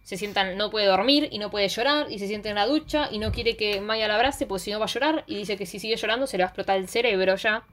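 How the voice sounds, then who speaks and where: A young woman with a Rioplatense Spanish accent, recapping a series in casual chat with quick, slangy storytelling. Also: medium pitch, a bit bright. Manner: fast slangy storytelling, acts out characters' lines.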